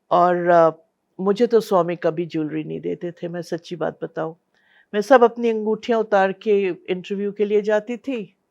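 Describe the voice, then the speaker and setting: A woman's voice: medium pitch, darkish tone. Older woman recalling memories, lo-fi. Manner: unhurried storytelling, quoting others. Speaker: interviewee. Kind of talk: personal recollection. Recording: dull lo-fi sound.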